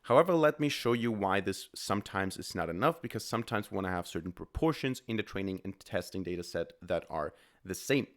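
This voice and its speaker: A man's voice: sits low, lively intonation, a little fast, few pauses. A man with a cold, his voice a bit off, explaining step by step as he types code in a programming tutorial. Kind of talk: screen-recorded coding tutorial.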